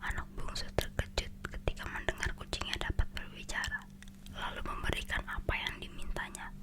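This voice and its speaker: A storyteller with an Indonesian accent reads fairy tales aloud in a whispered ASMR style, now and then stumbling and correcting the words.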